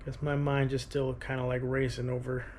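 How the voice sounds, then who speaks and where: A man in his thirties talking casually to his vlog audience, rambling and thinking aloud in a halting way. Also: mid-range voice, completely flat delivery, a little mellow, a little hiss or hum. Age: 30s. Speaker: running vlogger.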